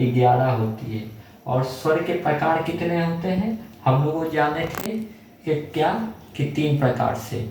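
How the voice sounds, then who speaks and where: A young male teacher explains a grammar lesson. His voice is a little high and mellow. He sounds far from the mic in a very echoey room, with a faint hiss behind him. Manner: asks questions and answers them himself, repeats key terms.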